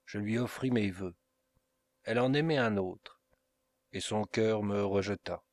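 A man's voice: lowish voice, no room sound, lightly acted. Montoni, a man reading a grave brooding nobleman. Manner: grave, measured storytelling. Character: brooding proud middle-aged Italian nobleman.

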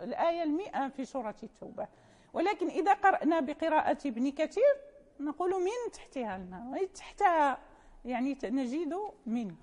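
A woman's voice: high voice, a little mellow, long reverb tail. A woman teaching Quran recitation in an informal classroom lecture, patiently explaining and quoting verses and poem lines in a chanting lilt.

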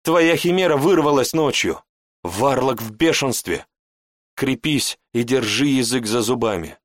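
A man voicing a worried young woman apprentice who gives urgent, hurried warnings. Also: mid-range voice, lively intonation, no echo, studio quality, close to an everyday voice.

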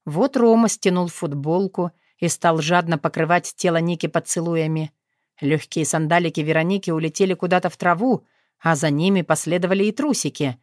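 Female audiobook narrator, lower voice, dry close read. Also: fairly quick, darkish tone, no echo. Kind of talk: scripted narration.

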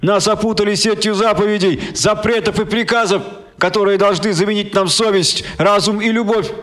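A man voicing a fiery orator who declaims slowly and rousingly to a crowd. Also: sits high, steady tone, a bit bright, voice pushed up. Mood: indignant. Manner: declaiming, rousing, slow rhetorical cadence.

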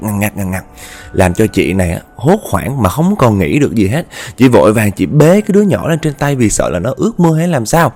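A man's voice: medium pitch, darkish tone. A man with a Southern Vietnamese accent narrating a horror story, chatting directly to his listeners. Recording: faint background music.

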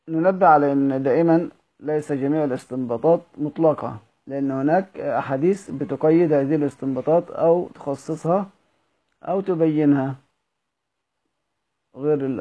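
A man reading a classical text aloud as a teacher, in measured tones, stressing each verse heading and adding brief asides. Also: fairly high pitch. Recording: narrow phone-like audio.

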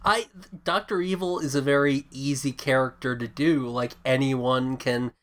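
A man's voice: medium pitch, fairly even intonation, moderate pace, fairly bright tone. A man with a middling voice co-hosting a film podcast. He rambles through his points in loose casual chat, often restarting his sentences and leaning on filler words. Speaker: podcast co-host.

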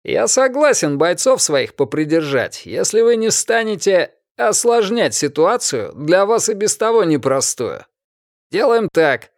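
A gruff, hot-tempered militia boss barks orders and threats, as a male narrator puts him on, his voice pushed up high and hard. The read is close and dry, with no room around it. This is a storybook tough guy who is used to getting his way. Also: sing-song, a little slow, dry recording, heavily acted. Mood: commanding. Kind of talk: audiobook character voice.

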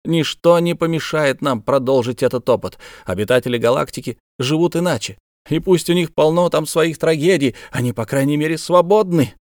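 A man voicing a weary, idealistic guard in an audiobook, speaking in an earnest, measured way. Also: a little high, no echo, clean studio sound, pitched above the performer's own voice, lightly acted.

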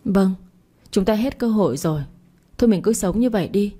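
A woman's voice: mid-range voice, animated, brisk, dark tone, lightly acted. A woman voicing a pleading guilty daughter. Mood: scared. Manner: pleading, stammering. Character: scheming grown daughter, defensive and scared.

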